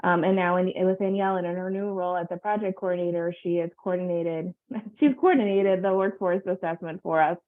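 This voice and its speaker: A woman's voice: on the low side, steady tone, a little fast. A woman chairing a public board meeting on a video call, running through the agenda with many fillers. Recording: tinny phone-like line.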